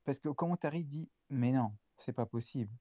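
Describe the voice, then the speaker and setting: A podcast co-host chatting casually about a wrestling show, quick and full of restarts. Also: medium pitch, warm tone, no echo, studio quality.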